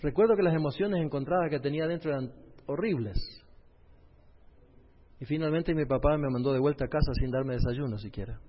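A man's voice: fairly high pitch, brisk, slight background noise. A middle-aged male pastor, telling a personal testimony in a sermon and speaking straight to his audience. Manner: storytelling, addresses the audience directly. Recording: reverberant hall, dull lo-fi sound.

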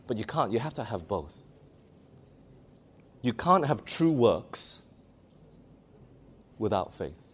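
A man preaching a sermon, emphatic, asking the audience questions and reading scripture aloud. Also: medium pitch.

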